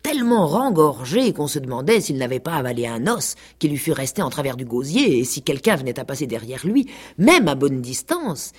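Husky, low-voiced woman reading a story. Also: brisk, few pauses. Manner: expressive, playful. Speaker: actress reading aloud. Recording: 1980s radio recording.

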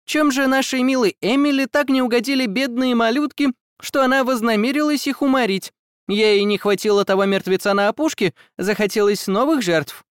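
A male audiobook narrator voicing a tiny, fussy and nosy female fairy who rides an owl, chattering impatiently in a high squeaky put-on voice. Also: brisk, clean tone, dry recording, studio quality. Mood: curious. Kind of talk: audiobook character voice.

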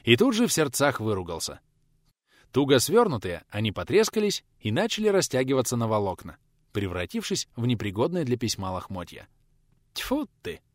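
A man's voice: mid-range voice, sing-song, brisk, no room sound. A man narrating an adventure novel expressively on a close microphone. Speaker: audiobook narrator. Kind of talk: scripted narration.

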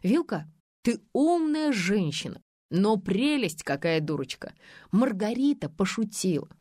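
A mocking male friend, read by a woman, teases with a lively, bouncing voice. The reading is dry and close to the mic. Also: mid-range voice, a little slow, no echo. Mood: teasing. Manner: teasing and mocking.

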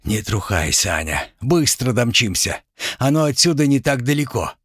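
A man playing a brisk, reassuring male police operative. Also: mid-range voice, big pitch swings, fairly bright tone, husky, no echo, studio quality, pitched above the performer's own voice.

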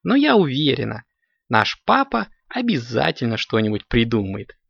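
A man voicing a calm, caring mother cat who explains things gently, on a dull lo-fi recording. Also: medium pitch, moderate pace, gravelly, slightly rough, dry recording, heavily acted. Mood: gentle.

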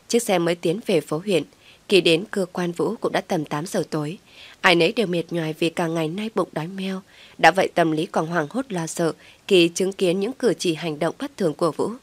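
A woman narrating a story in a calm, steady storytelling manner. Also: on the low side, no room sound.

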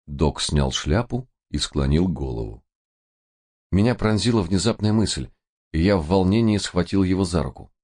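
A man narrating an audiobook in a steady storytelling manner. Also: low-pitched, normal speed, breathy edge.

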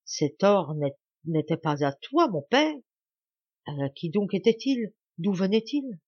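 A woman reading an audiobook, voicing an anxious, tender young daughter who pleads softly. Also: medium pitch, sing-song, slow pace, breathy edge, highs cut off, heavily acted. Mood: shocked. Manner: pleading, soft-spoken.

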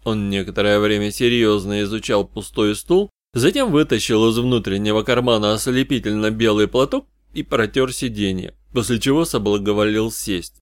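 A man narrating a first-person detective audiobook in an even, wry, measured way. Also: fairly low pitch, no room sound, studio quality. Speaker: audiobook reader.

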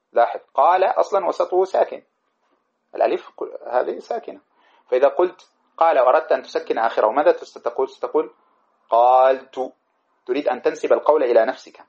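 A man's voice: mid-range voice, darkish tone. A man teaching a lesson on a grammar poem, reciting verses and then explaining them with many examples. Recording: dull lo-fi recording.

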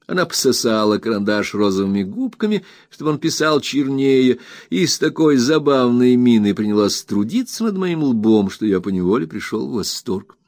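A man narrating an audiobook in a measured, storytelling manner. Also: medium pitch, very animated, darkish tone, no room sound, studio quality. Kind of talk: expressive scripted narration.

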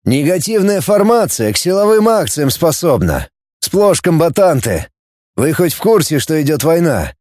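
A man reading an audiobook, voicing a calm, assured male commander. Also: fairly high pitch, normal speed, no echo, clean studio sound, voice pushed up.

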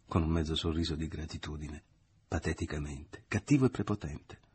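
A man narrating a literary novel as an audiobook, in a measured, even reading. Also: very deep voice, slightly rough.

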